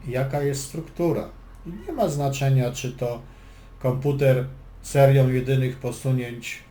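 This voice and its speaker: Dry humor breaks up the move calls as a man with a dark, mid-range voice gives a chess lesson and explains plans. He is a chess instructor, recorded in an echoey room with some faint background noise.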